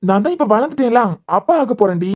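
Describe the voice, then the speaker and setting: A woman voicing a devoted young husband who is a hospital head, speaking in a Kanyakumari Tamil accent, bantering fast and turning stern at times. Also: a little high, animated, a little mellow. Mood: teasing. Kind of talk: cartoon web series voice acting.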